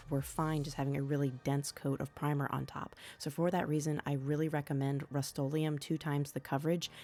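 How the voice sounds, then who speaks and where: Tutorial host: low-voiced woman, hoarse from a cold, speaking softly and calmly. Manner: soft, low-volume delivery. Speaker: miniature painting tutorial host. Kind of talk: hobby tutorial voice-over.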